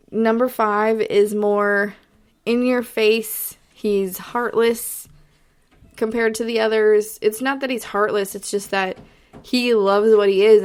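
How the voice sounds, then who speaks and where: Texan woman, podcast host, casual rambling talk, mid pitch, hiccups. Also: clean tone. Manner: chatty, rambling, lots of fillers. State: has the hiccups. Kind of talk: casual solo podcast review.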